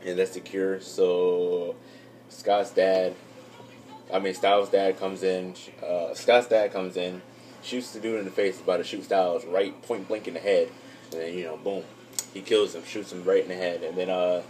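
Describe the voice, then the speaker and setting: Low, flat-voiced young man rambling. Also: normal speed, slight background noise. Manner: rambling, filler-heavy, loses track. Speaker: YouTube reviewer. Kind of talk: casual episode recap.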